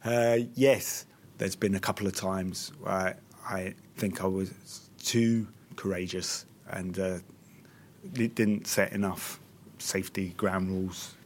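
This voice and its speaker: A man's voice: deep voice, steady tone, slow, slight background noise. A man who works as a clinical psychologist, talking thoughtfully and candidly in an interview. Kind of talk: interview, casual reflective talk.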